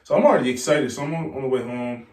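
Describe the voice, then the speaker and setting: A young man who plays college football guests on a podcast, telling casual stories at a very fast clip in a medium-pitched voice. He's animated and acts out the voices of the people in his tales. The recording has a roomy echo, with the mic set at a distance.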